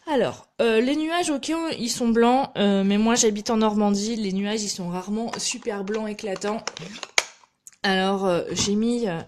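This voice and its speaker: Fairly high-pitched woman doing a live craft tutorial, chatty, keeps saying sorry. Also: darkish tone. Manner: chatty, addresses viewers directly; self-deprecating, apologizes often. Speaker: craft demonstrator.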